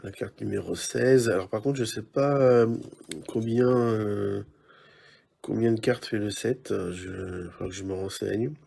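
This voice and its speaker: Chill guy opening card packs, gravelly and kinda husky, slow and rambly, lots of umms. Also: fairly low pitch, mellow. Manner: chatty, musing aloud, hesitant with many fillers. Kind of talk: casual card-opening commentary.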